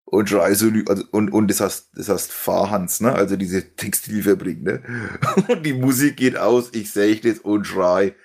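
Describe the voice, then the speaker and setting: A young man, his low voice rough with gravelly fry. He tells long, rambling stories in a loose chat, stumbling over fillers and breaking into laughter. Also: moderate pace, a little mellow. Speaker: stream host telling a story. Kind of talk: casual storytelling chat.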